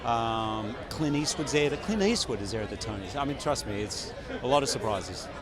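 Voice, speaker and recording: A man's voice: medium pitch, lively intonation, normal speed. A man in casual red carpet interview chat. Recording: busy outdoor crowd noise.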